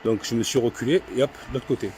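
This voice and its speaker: A middle-aged man filming his own paranormal investigation inside an old house on a handheld camera, talking in a halting way with many restarts. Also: mid-range voice, steady tone, mellow, slight background noise. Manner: hesitant, repeats himself often. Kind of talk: casual vlog narration.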